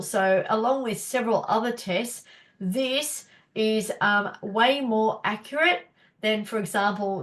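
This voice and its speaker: A naturopath hosts a casual live teaching session, chatty and encouraging, with plenty of fillers. Her medium-pitched voice is a bit bright, though her nose sounds stuffy and blocked up.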